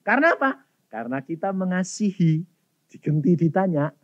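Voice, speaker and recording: A male evangelist preaches, swinging between loud outbursts and hushed asides. His voice sits fairly high and moves a lot in pitch. The recording is muffled and lo-fi. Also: big pitch swings, moderate pace. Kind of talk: sermon with storytelling. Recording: dull lo-fi recording.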